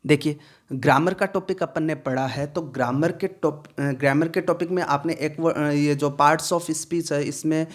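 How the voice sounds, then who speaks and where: A man teaching pronunciation in Hindi, explaining slowly, repeating words and often asking if it is clear. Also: a little high, steady tone. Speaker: English teacher. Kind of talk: pronunciation lesson.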